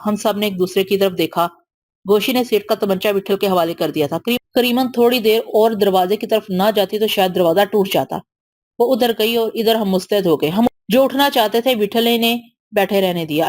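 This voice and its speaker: A woman's voice: medium pitch, dry recording. Woman narrating a novel, dry close sound. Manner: reads all characters in one steady voice. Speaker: audiobook narrator.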